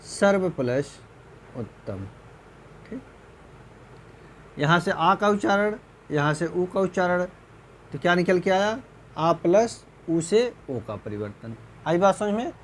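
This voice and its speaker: Slow, deliberate male Hindi teacher. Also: high-pitched, very animated, slight background noise. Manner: slow, repetitive, checks understanding with rhetorical questions; clears throat often. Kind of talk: recorded exam-prep lecture.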